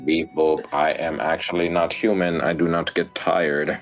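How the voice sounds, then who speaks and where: A man putting on a joking robot voice, playing a deadpan machine that claims not to be human. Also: a bass voice, measured pace, faint music behind. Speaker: livestreamer.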